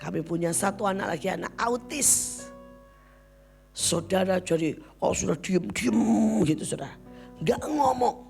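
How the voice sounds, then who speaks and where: Gravelly low-voiced woman preaching. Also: moderate pace, soft background music. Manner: addresses listeners as "saudara" again and again; lively storyteller who acts out the people she quotes. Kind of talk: sermon with personal stories.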